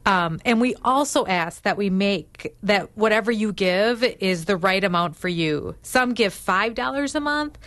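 A woman's voice: mid-range voice, lively intonation, unhurried, hardly any pauses, a bit bright, no echo. A woman co-hosting a public radio pledge drive from a studio, friendly and encouraging as she thanks listeners. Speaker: radio co-host. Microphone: studio microphone.

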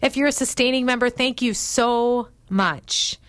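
A woman's voice: fairly high pitch, measured pace, a bit bright, dry recording. A woman co-hosting a public radio pledge drive from a studio, friendly and encouraging as she thanks listeners. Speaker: radio co-host. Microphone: studio microphone.

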